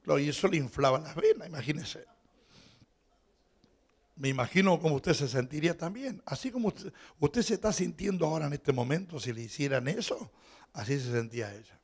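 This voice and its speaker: A middle-aged Argentine pastor preaching in a slightly high voice with a Rioplatense accent. He tells the story to his congregation, swinging from loud, stretched-out preaching to quiet, chatty asides, and keeps asking his listeners questions. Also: lively intonation, brisk, slightly rough. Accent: Rioplatense Spanish. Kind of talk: sermon.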